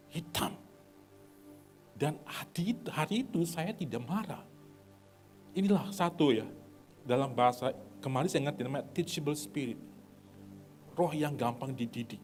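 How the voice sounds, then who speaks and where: A middle-aged man from Indonesia preaching a sermon, swinging between loud urging and soft asides. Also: fairly high pitch. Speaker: pastor.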